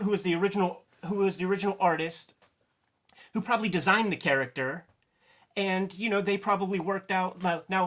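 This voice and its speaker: A man's voice: high-pitched, fairly bright tone. A man giving an opinionated, casual rant as a comics commentator, indignant, blunt and emphatic, with some swearing. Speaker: comics commentator on a discussion show.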